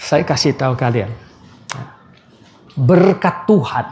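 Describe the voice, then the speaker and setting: A man's voice: medium pitch, lively intonation, takes it slowly, darkish tone, a little hiss or hum. An older man, a pastor, giving an anniversary sermon in a chatty storytelling way, laughing and calling out questions to the congregation.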